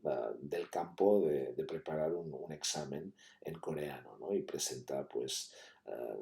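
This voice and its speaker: A university lecturer whose first language is Catalan gives an academic conference talk, explaining steadily with many fillers and tag questions. His voice is on the low side and mellow, and the room sounds echoey.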